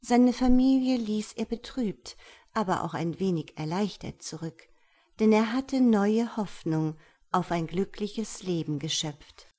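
A woman narrating a fairy tale in a calm, measured reading voice. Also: mid-range voice. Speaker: storyteller.

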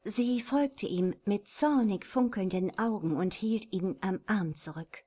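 A woman reading a romance novel aloud in a measured, even storytelling voice. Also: medium pitch. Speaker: narrator. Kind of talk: scripted audiobook narration.

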